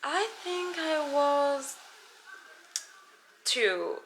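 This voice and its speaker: A woman's voice: fairly high pitch, far from the mic, slight background noise. A woman playing a poised actress giving interviews in French-accented English. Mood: gushing. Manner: slow, soft, self-assured interview answers. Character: poised female actress once hated for villain role. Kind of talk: pretend celebrity interview in front of mirror. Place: bathroom. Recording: echoey bathroom.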